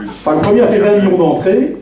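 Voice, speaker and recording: A man's voice: fast talker, crowd noise. A male stand-up comedian from Belgium, chatty and full of asides, often ending lines with a questioning "hein" and slipping into song parodies on a theatre stage. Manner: chatty, punctuates with "hein", drops into low asides and parody singing. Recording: distant live stage recording in a very echoey hall. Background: audience laughter.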